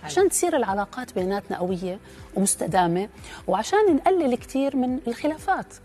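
A woman, a life skills trainer explaining things in an animated way as a guest on a TV talk show. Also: fairly high pitch, fast, faint music behind.

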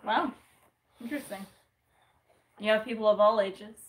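A woman's voice: medium pitch, moderate pace, rough recording. A young woman chatting with friends, teasing and giggling. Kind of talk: casual chat among friends.

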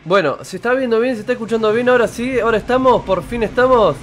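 A man's voice: extremely high pitch, fast talker. A man in his thirties with an Argentine accent, chatting casually on a live game stream and greeting viewers. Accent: Argentine Spanish. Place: indoor room with purple lighting.

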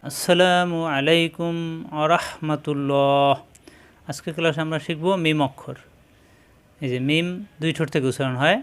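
A man teaching Quran reading, slowly spelling out and repeating syllables in a patient drilling lesson, with a Bangladeshi Bengali accent. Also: fairly high pitch, fairly even intonation, clean tone. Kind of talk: slow spelled-out recitation lesson.

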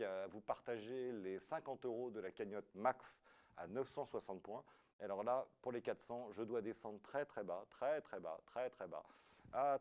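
A low-pitched man hosts a live quiz show, his voice swooping up and down as he reads questions and tallies scores. He keeps up a playful patter, tossing jokes in between the answers. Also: a little mellow. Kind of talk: live app quiz hosting.

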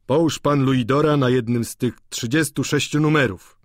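A male audiobook narrator voicing a dignified old man who gives grave, calm advice. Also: medium pitch, normal speed, no room sound, studio quality, lightly acted. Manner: grave, advising.

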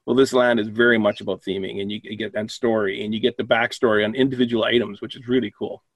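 A man's voice: fairly low pitch, level tone, fast, no room sound, rough recording. Man in casual podcast chat, dry sound. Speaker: podcast panelist.

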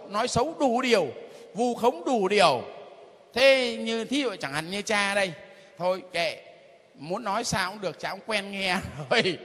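A man's fairly high, husky voice rings through a hall with a long echo as he teaches like a priest. He is middle-aged and emphatic, hammering phrases again and again and chuckling between points. His pitch swings widely from line to line. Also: a bit bright. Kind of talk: informal catechism teaching.

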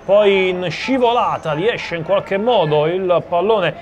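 A man's voice: high voice, slow. A man giving live play-by-play commentary on a football match. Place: outdoor stadium commentary position. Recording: noisy live stadium sound.

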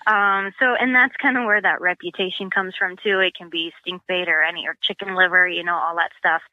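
A woman's voice: on the low side, fairly even intonation, a little fast, dry recording, phone-quality sound. A woman guest explaining catfish rigs and bait in a casual, practical way, full of ums and you-knows. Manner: chatty, practical, many fillers like um and you know. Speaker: guest, sponsored catfish angler.

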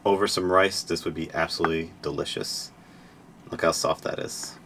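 Man, 30s, lowish voice, casual vlog chat, relaxed, small boat, faint background noise. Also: normal speed. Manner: relaxed, chatty, with little laughs. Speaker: sailing vlogger. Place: small boat cabin and deck.

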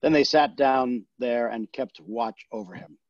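A man reads scripture aloud for a worship service, steady and solemn in his pacing. His voice is husky and somewhat breathy, and it sits mid-range in pitch. The sound is dry and a little muffled, with no room ring around it. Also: dry recording. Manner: measured, solemn reading. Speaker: scripture reader.

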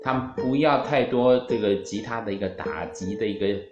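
A man with a fairly low voice and a Taiwanese Mandarin accent gives a guitar lesson. He explains patiently, with many fillers and a few English music terms. The room sounds roomy, and guitar music plays faintly at times. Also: moderate pace, highs cut off. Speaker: guitar teacher.

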